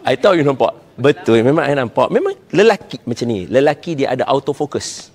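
A man's voice: mid-range voice, very animated, fairly quick, a crowd in the background. A man, a religious teacher giving jokey, casual marriage advice and mixing English phrases into his talk. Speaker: ustaz, religious speaker.

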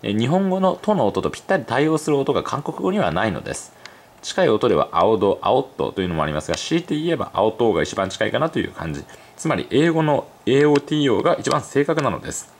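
A man's voice: medium pitch, sing-song, a little hiss or hum. A man reading an online article aloud to his channel and breaking off to comment, musing with many fillers when he goes off script. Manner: reads at a brisk clip, then muses aloud with many fillers. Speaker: YouTube commentator.

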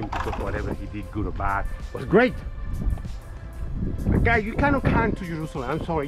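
In a rough camera-mic recording made outdoors on a city street, a man with a lowish voice gives a casual history talk as a tour guide. He's chatty, repeatedly says "guys," tacks on "okay" and "right," and often restarts his sentences with small laughs.

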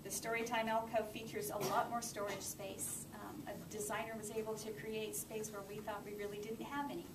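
A middle-aged woman, working as a library manager, gives an informal public talk while showing listeners around the library's indoor community room. Her mid-range voice is level and fairly quick with hardly any pauses, heard over a noisy crowd. A far camera microphone captures it, so the room sounds echoey and the noise is clear.

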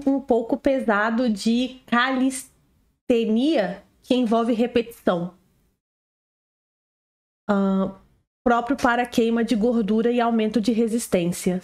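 A woman streamer, her voice sitting a little high. She reacts in a loose, joking way, swears freely and slips into mock whiny voices. It is casual live commentary.

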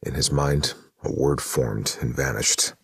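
A man narrating an audiobook in a measured storytelling manner. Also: extremely low pitch, fairly even intonation, a bit bright, breathy edge, no echo, studio quality. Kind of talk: scripted narration.

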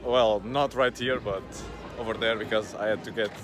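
A man's voice: lowish voice, steady tone, normal speed, over music. A man in his twenties talking casually to camera, filming himself outdoors on a phone held at arm's length. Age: 20s. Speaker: vlogger. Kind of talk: casual vlog talk to camera. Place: outdoors by a road. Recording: noisy outdoor handheld phone recording.

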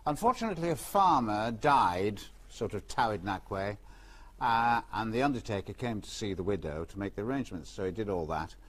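A man's voice: on the low side, lively intonation, a little fast, a bit bright. A man telling two funny anecdotes as a guest on a quiz show and chuckling at his own punchlines. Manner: chuckling storyteller. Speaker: caller telling jokes.

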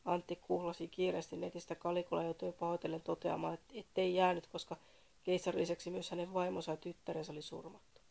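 Woman, storyteller, gravelly, low, dark mellow tone, dry reading. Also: flat delivery. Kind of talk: read-aloud narration of a comic story.

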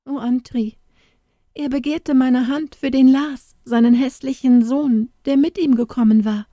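A woman doing a frightened young farmer's daughter in an audiobook fairy tale. She speaks high and tearful, slowly and breathlessly. The tone is dark and mellow, the sound close and dry. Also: fairly even intonation, no room sound. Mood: upset.

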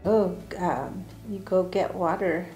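Older American woman, relaxed offhand chat, warm tone, echoey room with faint music. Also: lowish voice, takes it slowly. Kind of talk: casual chat.

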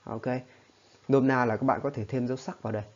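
A man's voice: medium pitch, fairly even intonation, fast talker, darkish tone, slightly rough, highs cut off. A man teaching a spoken lesson, explaining patiently and often checking in with his listeners. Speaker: English teacher.

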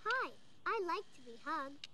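High-pitched, too-calm creepy boy doll. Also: unhurried, a little hiss or hum, full character voice. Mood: sweet, eerie. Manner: cheerful, calm, eerily childlike recited toy phrases. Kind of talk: horror film acting.

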